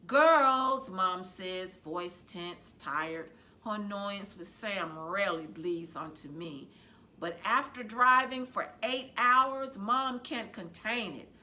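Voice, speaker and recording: A woman with a mid-range voice reads a children's novel aloud the way a librarian would. Her storytelling is expressive and dramatic, and her phrasing is deliberate.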